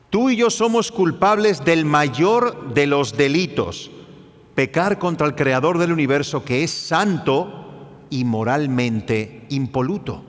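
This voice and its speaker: A man preaching a sermon, explaining a passage and acting out cries with rising intensity. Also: on the high side. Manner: animated, acts out biblical cries with rising intensity. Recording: church hall with long reverb.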